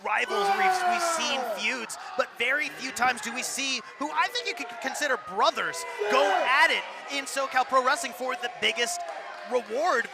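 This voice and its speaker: A man giving emphatic, projected color commentary at a live wrestling show, repeating phrases for effect amid loud crowd noise. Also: very high-pitched, gravelly.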